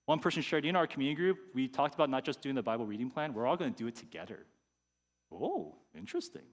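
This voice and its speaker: A man's voice: mid-range voice, very fast. Guy preaching casually in a church, acts out people's thoughts, echoey hall. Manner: conversational, acts out quoted inner thoughts. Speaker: pastor. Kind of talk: sermon. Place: church sanctuary.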